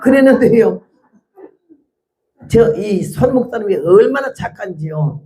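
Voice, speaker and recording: Elderly woman missionary in her 80s, blunt and animated, testimony sermon. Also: medium pitch, measured pace. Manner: blunt, animated storytelling with acted-out quotes. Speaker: missionary preacher.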